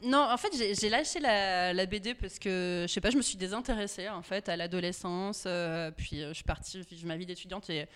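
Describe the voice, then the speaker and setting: Woman editor on a podcast, smooth clear voice, lots of ums and restarts. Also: on the low side, a little fast, few pauses, fairly bright tone. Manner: hesitant, many fillers and restarts. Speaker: guest, comics editor. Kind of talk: podcast interview.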